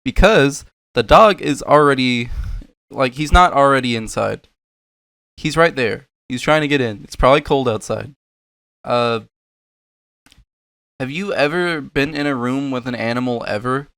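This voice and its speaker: A young man delivers scoffing, profane commentary on online clips. His voice is smooth and clear, recorded close and dry with no room sound. He mocks and laughs at what he sees. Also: mid-range voice, measured pace, long pauses, fairly bright tone, no room sound. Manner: mocking, swears a lot, laughs at clips. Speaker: commentary creator reacting to videos. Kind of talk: sarcastic reaction commentary.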